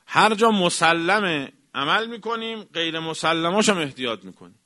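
A man delivering a religious lecture, emphatic, swinging from raised exclamations down to quiet, low remarks. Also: expressive. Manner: emphatic, rising to exclamations then dropping low. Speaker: cleric.

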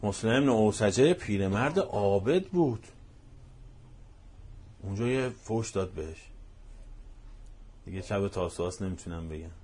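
A man preaching a religious sermon, telling stories emphatically and swinging between hushed and loud, passionate delivery. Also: fairly low pitch, lively intonation, long pauses, husky. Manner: repetitive, emphatic storytelling.

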